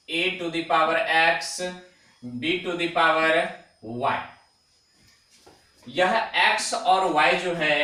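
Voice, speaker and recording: A man teaching a chemistry lecture on video, dictating definitions slowly and repeating them word by word. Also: fairly high pitch, bright, forceful tone, roomy sound, distant mic, low-quality recording.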